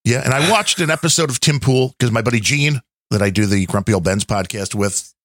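A man's voice: mid-range voice, fairly quick, fairly bright tone, no echo, clean studio sound. A man hosting a casual podcast, talking in a conversational, skeptical way with long, wandering explanations. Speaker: podcast host.

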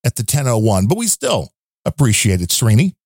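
Podcast co-host, man, mid pitch, rambling and wry, dry close sound. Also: wildly swooping pitch, brisk, a little mellow, no room sound. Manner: chatty, rambling, wry asides. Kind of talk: casual chat reading donor thanks.

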